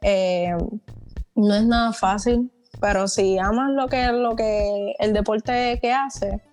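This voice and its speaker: A woman's voice: mid-range voice, fairly even intonation, slow pace, darkish tone, faint music behind. A young woman from Puerto Rico with a Puerto Rican accent, explaining things plainly in a casual podcast chat. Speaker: student athlete podcast guest.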